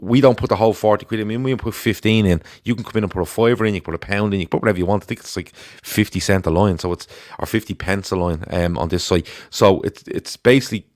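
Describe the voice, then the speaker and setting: Low-voiced Dublin man, close and dry. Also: fast, hardly any pauses, no room sound. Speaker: football show host. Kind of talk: casual sports panel chat.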